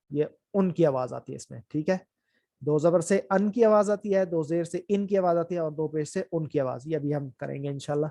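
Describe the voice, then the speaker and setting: A man teaching Quran reading, who spells out letters and vowel marks slowly, then speeds up to explain, and keeps checking in with his students. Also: on the high side, darkish tone, no room sound, clean studio sound. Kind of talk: recorded reading lesson.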